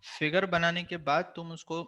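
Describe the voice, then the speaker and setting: A man's voice: a little high, little pitch movement, moderate pace, bright, forceful tone, muffled recording. A man with an Indian accent teaching a maths class online, mixing Hindi and English, firm but reassuring with his students.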